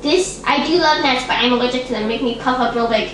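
A woman's voice: high voice, fast talker, slight background noise. A woman puppeteer improvising a home cooking show, chatty and self-conscious, also minding the camera. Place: home kitchen. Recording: echoey home kitchen.

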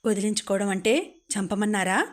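A woman voices Radha, a young new mother who is grief-stricken, anguished, and defiant, pleading through tears. Her mid-range voice moves at a moderate pace and stays close to an everyday speaking voice.

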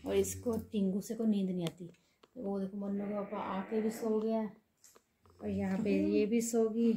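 A woman talking softly to her children and the camera at home late at night, recorded on a phone. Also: mid-range voice, flat delivery, normal speed, a little hiss or hum. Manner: soft, coaxing talk to children at night. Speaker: vlogger, mother. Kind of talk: casual home vlog.

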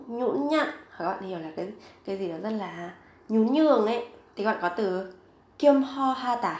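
A woman teaching a vocabulary lesson, saying each word several times, slowly and clearly. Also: a little high, echoey room. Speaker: Korean language teacher.

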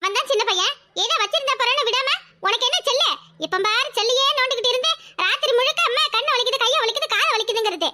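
A woman's voice: extremely high pitch, quick pace, pushed and bright, slight background noise, exaggerated voice. A woman playing a fiercely scolding cartoon mother. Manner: threatening, nagging. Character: angry scolding village mother.

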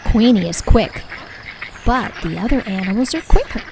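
A woman reading a children's picture book aloud with clear, expressive storytelling. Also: mid-range voice, normal speed, background noise. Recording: soft music bed underneath.

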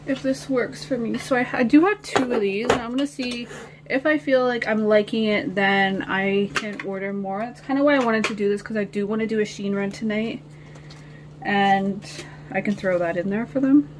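A woman's voice: medium pitch, moderate pace, background noise. A woman vlogging casually while she organizes her nail studio, rambling and talking to her viewers. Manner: rambling, chatty, talks to viewers as guys. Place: home nail studio, sitting on the floor.

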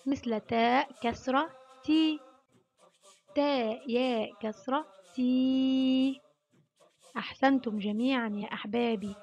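A woman with a high-pitched voice leads a phonics lesson for young children. She draws each sound out slowly and praises her class often. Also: lo-fi sound. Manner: slow, drawn-out syllable sounding with warm praise. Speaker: kindergarten Arabic teacher.

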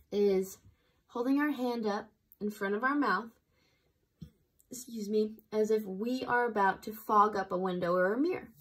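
A woman teaching an intro breathwork lesson, explaining slowly and gently and guiding the listener through breaths. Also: mid-range voice, low-quality recording. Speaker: breathwork instructor.

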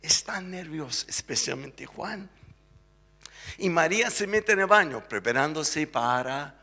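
A man's voice: fairly high pitch, measured pace, in a large hall. A male pastor telling a story in a church sermon, acting out the voices as he goes. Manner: lively storytelling, acts out the voices. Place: church sanctuary.

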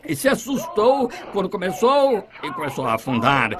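A man interprets a sermon in a high, animated voice, fervent and dramatic. He drops to hushed lines, then rises into shouted cries. A loud congregation is heard throughout the old recording. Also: normal speed, crowd noise. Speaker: interpreter voicing a preacher's sermon.

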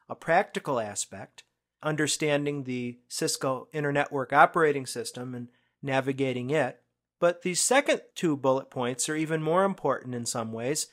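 A man narrating a screencast lesson on IT certification, explaining questions in a conversational way that speeds up and slows down for emphasis. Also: fairly high pitch, fairly bright tone. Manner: conversational, explanatory, quick bursts then slow emphasis. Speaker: IT certification instructor.

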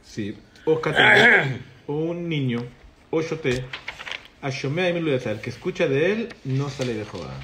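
Guy teaching a law class, quizzes the room, slightly high voice, faint hiss behind. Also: sing-song, unhurried, bright, forceful tone. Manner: explains patiently, asks the class questions. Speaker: rabbi teaching halakha class. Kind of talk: Torah class with student questions.

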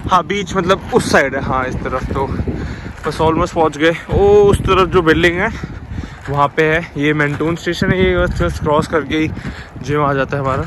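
A young man speaks to his phone camera on his way to the gym, pointing things out and walking viewers through his routine in an easy, relaxed way. His voice is a touch high for a man, and clear traffic noise hums behind him. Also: moderate pace. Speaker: vlogger. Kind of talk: casual chat. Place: outdoors on a cycle path and in a gym. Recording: noisy outdoor street ambience.

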